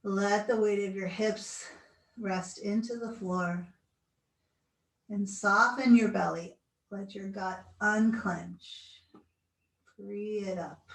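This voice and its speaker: A woman guides a relaxation session at a very slow, unhurried pace. Her delivery is gentle and soothing, with an average pitch. She sounds set back from the microphone in an echoey room. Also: steady tone, creaky. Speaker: yoga relaxation instructor. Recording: roomy echo, distant mic, video call recording.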